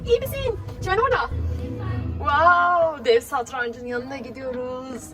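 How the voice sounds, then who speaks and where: Unhurried and high-voiced, a mom running a children's play vlog encourages the kids and talks to her audience, full of exclamations and questions. Music plays behind her.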